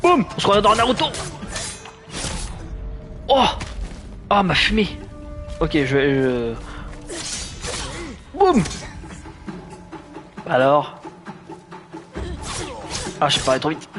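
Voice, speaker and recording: A man's voice: a little high, sing-song, very slow, pauses often, fairly bright tone, faint music behind. A man giving casual, playful, exclamatory commentary as he plays a video game. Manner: exclamatory, playful, self-deprecating. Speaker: gamer, let's play host. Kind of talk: casual excitable gameplay commentary.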